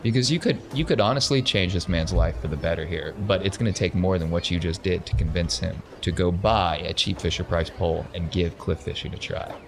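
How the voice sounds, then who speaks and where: Serving as game master for a tabletop role-playing game, a man with a low-pitched voice speaks briskly with few pauses, encouraging and affirming his players. Background noise is noticeable.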